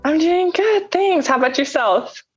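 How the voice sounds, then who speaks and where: A young woman guest in a casual interview, talking slowly and hesitantly with many ums. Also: high-pitched, animated, highs cut off, faint music behind. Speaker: podcast guest.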